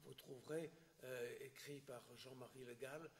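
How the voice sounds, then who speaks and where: A man giving a history lecture in French, hesitant and full of filler sounds and restarts, often clearing his throat. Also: mid-range voice, steady tone, measured pace, slight background noise. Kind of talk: public lecture with questions.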